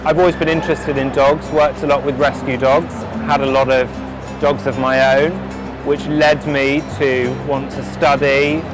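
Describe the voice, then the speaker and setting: A man who trains dogs and teaches primary school, giving an earnest, measured testimonial interview with frequent restarts. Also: mid-range voice, flat delivery, rough recording. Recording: clear background music.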